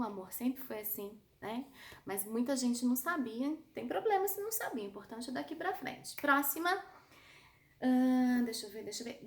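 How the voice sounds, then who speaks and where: Brazilian woman, lively online language teacher, slightly high voice, affectionate chatty delivery. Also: roomy sound. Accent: Brazilian Portuguese. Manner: lively, chatty, calls students "amor". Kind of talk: online spelling lesson.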